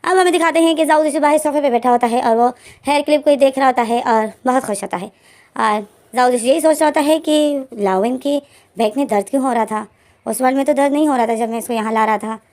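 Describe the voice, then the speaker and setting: A woman casually retells a fanfiction story at a very fast clip. Her voice sits slightly high, and she chats along, repeating names and linking words as she goes. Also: a little mellow.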